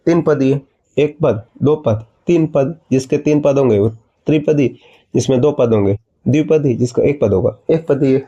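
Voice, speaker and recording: A man's voice: medium pitch, moderate pace, mellow, slightly rough, muffled recording. A man teaching a maths lesson, explaining step by step and asking his students questions before answering them himself. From India.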